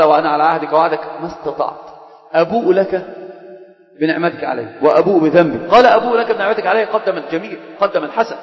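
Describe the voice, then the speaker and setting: A male sheikh with an Egyptian accent teaches a classroom religious lesson at a breakneck clip, his voice set fairly high. He keeps firing questions at his students and needling them, switching between formal and colloquial speech. The sound is dull and carries a long hall echo. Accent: Egyptian Arabic.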